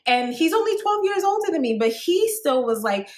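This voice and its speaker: In a very high-pitched, very animated voice at a moderate pace, a dating coach in her thirties addresses women directly to camera with dating advice. Her talk is chatty and emphatic, filled with repeated "like" and "actually". There's a roomy sound to the audio.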